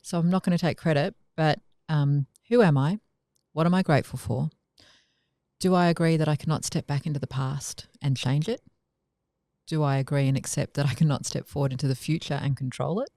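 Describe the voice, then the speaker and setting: A woman's voice: deep voice, fairly even intonation, brisk, mellow, dry recording, studio quality. A woman chatting on a podcast, thinking aloud in a reflective way and often restarting her sentences. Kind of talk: casual podcast conversation.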